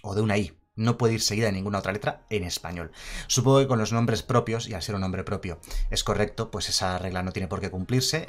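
A man talking casually through card previews, chatty and quick to correct himself. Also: low voice. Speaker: card game youtuber. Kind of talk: casual card-review commentary.

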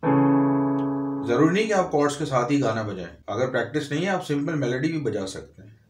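A music teacher gives a piano tutorial, explaining step by step while counting and naming the notes aloud. His medium-pitched voice swings widely in pitch at a normal speed, and the sound is roomy.

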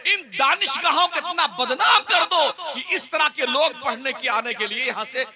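A man's voice: extremely high pitch, normal speed, bright, forceful tone. A male Islamic preacher giving an impassioned conference sermon to a live audience, building his points through rhetorical lists. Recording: live event with crowd noise. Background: crowd.

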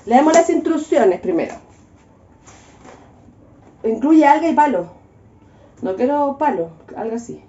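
A woman's voice: high-pitched, expressive, unhurried, pauses often, dark tone. Chatty Chilean woman in an echoey kitchen. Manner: exasperated, joking rants with frequent laughs. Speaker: vlogger. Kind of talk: casual cooking vlog chat. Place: home kitchen. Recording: echoey, dull-sounding room.

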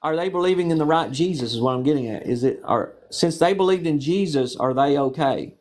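A man's voice: a little high, brisk, darkish tone. A man with a Southern accent asking questions on the street, patient and probing, reaching for homely examples. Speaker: street interviewer. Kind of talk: casual questioning.

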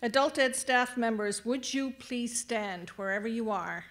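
Speaking unhurriedly in a higher-pitched voice, a woman on adult education staff guides graduates through the tassel ritual. She warmly directs the crowd from a podium mic in a large venue during the ceremony.

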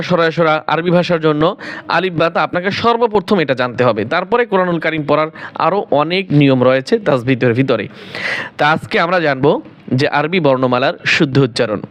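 A man's voice: fairly high pitch, a bit bright. A man teaching Quran reading, taking the viewer through the Arabic letters one by one, asking questions and answering them himself. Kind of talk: Arabic alphabet pronunciation lesson.

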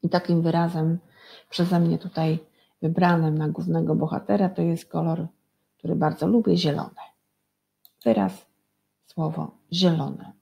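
A woman's voice: low voice, gravelly, darkish tone. A woman teacher giving a recorded lesson for young children, patiently spelling words out sound by sound and asking the class to repeat after her. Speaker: primary school teacher.

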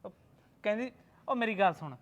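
A man's voice: high-pitched, lively intonation, brisk. A man playing a flustered husband who pleads defensively to be heard. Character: flustered husband caught in a quarrel.

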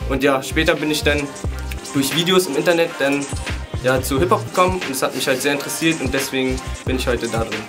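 A young man of twenty-one talks at a mid pitch, calm and measured, pausing on fillers as he explains his dance. Clear music plays under his voice as he sits indoors. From Germany. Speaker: hip hop dancer. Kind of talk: casual interview talk. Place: indoors beside a wooden wall.

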